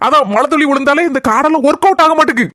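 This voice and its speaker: A woman voicing a boastful, penniless husband in a comic cartoon, with a Kanyakumari Tamil accent and a teasing, smooth-talking manner. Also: high voice, rapid-fire, a bit bright. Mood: scheming. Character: boastful broke husband back from abroad.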